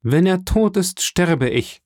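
A proud, steadfast young fisher girl, as a male audiobook reader puts her on in a lifted, earnest voice. She speaks with firm conviction, refusing calmly but without yielding. The sound is dry and close, with no room around it. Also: takes it slowly, no room sound. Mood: cold, resolute. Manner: raised pitch, earnest pleading tone. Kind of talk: audiobook reading.

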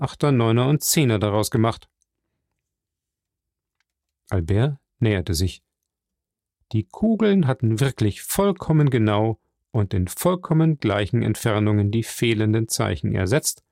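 A man narrating a classic novel in an even, steady reading voice. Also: fairly low pitch, vocal fry, no room sound, clean studio sound. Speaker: audiobook narrator.

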